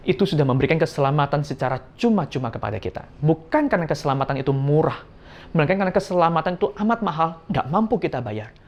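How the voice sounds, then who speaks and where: A young man giving a Sunday school sermon, lively and playful, telling stories and acting out voices, on a slightly dull recording. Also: a little high. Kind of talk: children's sermon.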